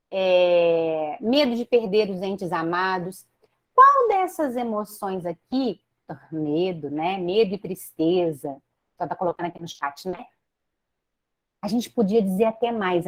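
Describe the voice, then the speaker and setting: Lively Brazilian woman giving a talk. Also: mid-range voice. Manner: lively, asks the audience many rhetorical questions, tags "né?". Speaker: speaker at a Spiritist meeting. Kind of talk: teaching talk to an audience.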